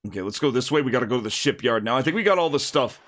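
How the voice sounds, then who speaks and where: A man streaming live, commenting animatedly on an educational game, laughing and shouting at characters. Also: mid-range voice, lively intonation, rapid-fire, faint music behind, poor audio.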